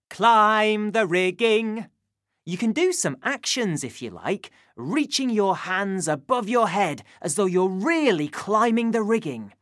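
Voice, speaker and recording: A woman's voice: fairly low pitch, no room sound. Woman doing a kids' singing class on school radio, bouncy sing-song voice, real dry sound. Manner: slow, lively, sing-song instructions to children. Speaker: children's music presenter.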